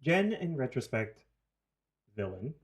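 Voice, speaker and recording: A New Zealand man co-hosts a casual podcast, hopping between topics and swearing along the way. His mid-range voice is very animated, though he speaks slowly.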